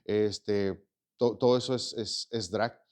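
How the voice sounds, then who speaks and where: A man's voice: on the low side, fairly even intonation, slow, darkish tone. A man in his forties from Mexico, an actor and stage producer, answering interview questions in a reflective, rambling way with many fillers and repeated words. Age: 40s. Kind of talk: casual interview conversation.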